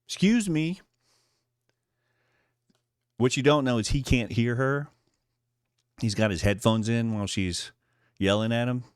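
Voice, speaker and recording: A man's voice: mid-range voice, fairly even intonation, normal speed, pauses often, clear, resonant tone, no echo, clean studio sound. A man who composes film music, casually talking through the story of a short film and voicing the character's thoughts in playful quotes. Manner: narrates the woman's thoughts in playful quoted voices, laughing often. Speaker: composer breaking down his film score.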